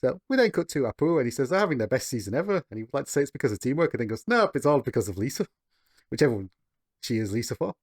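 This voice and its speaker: A man's voice: medium pitch, animated, very fast, a little mellow, no echo, clean studio sound. A man co-hosting a podcast, recapping a cartoon episode and stringing events together with many fillers.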